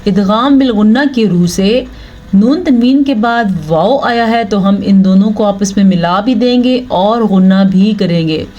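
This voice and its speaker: A woman teaching Quran recitation rules step by step. She explains each rule patiently, checks in often, then chants the Arabic words slowly. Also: medium pitch, mellow, lo-fi sound. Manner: checks in with "thik hai" often. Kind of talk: slow, step-by-step tajweed lesson.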